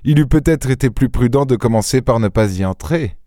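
A man reading a story aloud, voicing an old police inspector who is gruff, blunt and incredulous. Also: medium pitch, animated, brisk, dark tone, no room sound, studio quality, lightly acted.

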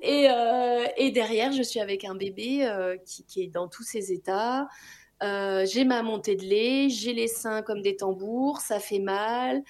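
A young woman from France recounts her own experience in a chatty, animated way, with her voice sitting on the high side. She peppers her speech with fillers and slangy asides as she goes. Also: measured pace. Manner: lively, colloquial, frequent fillers, laughs while telling. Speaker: podcast guest. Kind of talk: casual personal storytelling.

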